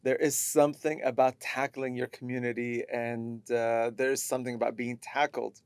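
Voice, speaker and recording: A middle-aged man from Lebanon co-hosting a coaching podcast, speaking reflectively and halting often as he searches for words. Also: medium pitch, flat delivery, clean tone, no room sound. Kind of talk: casual conversational podcast.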